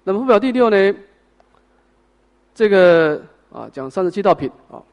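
A man with a high voice lectures on a Buddhist sutra. He lays out each point patiently, poses questions and then answers them himself. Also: very animated, moderate pace, lo-fi sound. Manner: explains step by step, asks and answers own questions, trailing particles. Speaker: Buddhist teacher.

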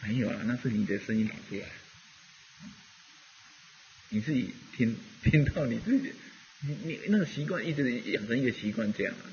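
A man's voice: medium pitch, animated, fairly quick, pauses often, highs cut off, slight background noise. A man giving a rambling, conversational Buddhist dharma talk, full of fillers as he teaches.

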